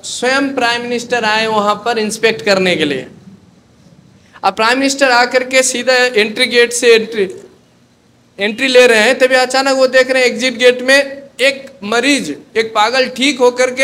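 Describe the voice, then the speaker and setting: A man preaching a sermon, telling a story in an animated way and mixing in English phrases. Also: high voice, slight background noise.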